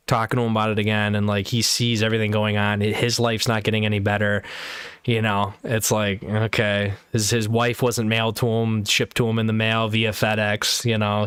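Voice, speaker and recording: A man talks casually with friends on a livestream, rambling through an argument he had and cursing freely along the way. His voice sits at an ordinary middle pitch. It is recorded close and dry, with no room sound. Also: clean tone, no room sound. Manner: rambling, animated, swears a lot, laughs hard. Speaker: livestream host chatting with friends. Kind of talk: casual chat.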